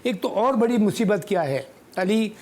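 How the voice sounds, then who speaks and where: A man's voice: high voice, animated, normal speed, a little mellow. An older man, a former chief selector giving emphatic studio cricket analysis and dropping in English phrases.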